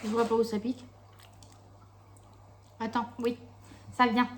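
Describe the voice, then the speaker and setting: Higher-voiced, slangy Frenchwoman chatting casually. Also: little pitch movement, measured pace. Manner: informal, slangy. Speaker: co-host of a tasting video. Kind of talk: casual tasting chat. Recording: faint background noise.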